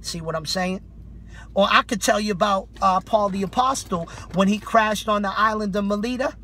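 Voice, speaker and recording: A man's voice: high voice, steady tone, moderate pace, pushed and bright, a little hiss or hum. A man in his thirties, a street preacher giving an off-the-cuff sermon in colloquial slang with urgent, fanatical zeal. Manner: fervent, fanatical religious zeal, urgent and exhorting. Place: inside a parked car.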